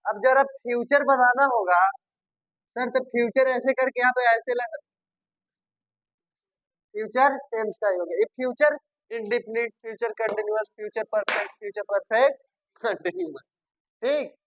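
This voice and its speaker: A man's voice: extremely high pitch, normal speed, pauses often, a bit bright, dry recording, dull audio. A male teacher giving a grammar lesson, repeating terms and asking and answering his own questions. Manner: repetitive, addresses students as babu and sir, asks and answers himself.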